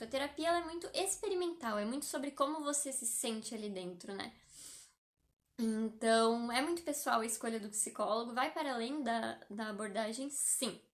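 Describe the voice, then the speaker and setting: A woman's voice: high-pitched, fairly bright tone. A young Brazilian woman, a psychologist, talking casually and explaining things on a live stream, with lots of fillers. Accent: Brazilian Portuguese. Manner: chatty and explanatory, with many fillers.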